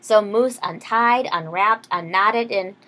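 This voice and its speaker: Taking it slowly, a teacher reads a picture book to little ones in a mid-range voice that sounds pushed and bright. She explains things simply and checks in with questions as she goes.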